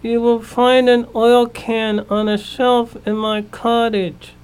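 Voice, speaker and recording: Woman reader doing a slow, drawn-out tin man, sorrowful and very polite, a storybook figure. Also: fairly high pitch, little pitch movement, a little mellow, clean tone, pitched above the performer's own voice. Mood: mournful. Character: polite, sad male tin man, grateful and slow-moving. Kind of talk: storybook reading.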